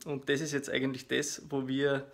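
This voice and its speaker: A man in his thirties with an Austrian German accent casually explains his workout to camera, in a hesitant, explanatory way with frequent filler pauses. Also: medium pitch, monotone, gravelly. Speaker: fitness vlogger. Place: small living room at home, indoors. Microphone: phone at arm's length.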